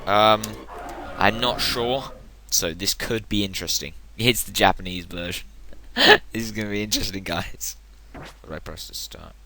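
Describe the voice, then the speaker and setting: A young man plays a video game and offers rambling, casual let's-play commentary in a lowish voice at normal speed. He's chatty and keeps interrupting himself, with game music playing loudly behind him.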